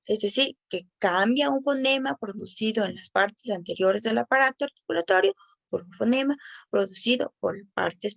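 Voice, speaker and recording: A woman giving a careful educational presentation on child speech development, slowing down to say each example word clearly. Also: a little high, no room sound. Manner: careful, explanatory, slows down on example words.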